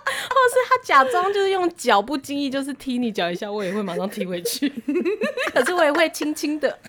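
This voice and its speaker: Young woman, casual co-host, laughs easily, lively melodic voice. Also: high-pitched, fairly quick, crowd noise. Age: young adult. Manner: chatty, laughs easily, expressive retelling. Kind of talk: casual chat.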